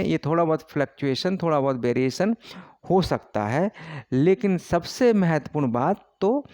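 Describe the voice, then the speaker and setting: A man teaching a poetry lesson at an unhurried, deliberate pace. His voice sits a little high, and he uses many fillers while he explains. The sound is dry and close, with no room echo. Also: darkish tone. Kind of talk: exam-prep lecture on poetry.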